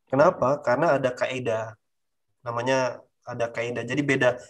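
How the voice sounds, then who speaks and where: A man's voice: medium pitch, little pitch movement, moderate pace. Man, medium voice, firm explainer who repeats key phrases. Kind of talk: explanatory panel discussion.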